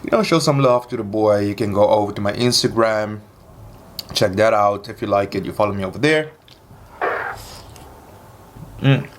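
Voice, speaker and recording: A man's voice: on the low side, a little fast, background noise. Man eating crunchy fried chicken, chatting casually. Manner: eating crunchy fried chicken while talking, with satisfied hums; slangy, repeats phrases. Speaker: mukbang video host. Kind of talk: casual mukbang chat to viewers.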